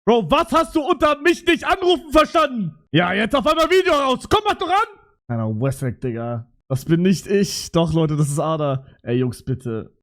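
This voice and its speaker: A young man with a fairly high voice streams live and reacts to his messages. His chatter is loud, excitable and full of slang, as he talks straight to his viewers. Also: normal speed. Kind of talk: casual livestream reaction.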